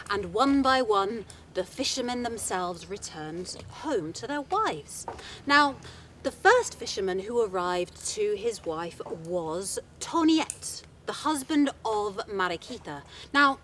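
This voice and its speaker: A woman telling a folktale live to an audience, in a chatty, animated way with playful asides. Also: on the high side, a little hiss or hum. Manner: lively, chatty, dramatic asides. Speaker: storyteller.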